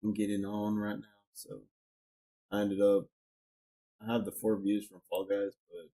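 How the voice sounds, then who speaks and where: A man's voice: lowish voice, level tone, a little slow, dark tone, rough recording. A man casually chatting on a live game stream from his home computer, rambling with lots of fillers as he talks to chat and a friend. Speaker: gaming streamer. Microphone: desk mic.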